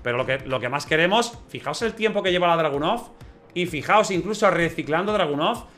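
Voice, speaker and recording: A man giving casual gameplay commentary, chatty and excitable, often checking in with his viewers. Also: a little high, brisk, soft background music. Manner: chatty, says 'vale' and 'ojo' often, excitable outbursts. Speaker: gameplay channel host.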